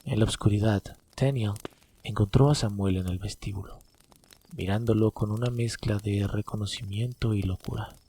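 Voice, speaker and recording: A man tells a campfire horror story in dramatic narration. His voice is lowish, very mellow and breathy. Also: steady tone, normal speed.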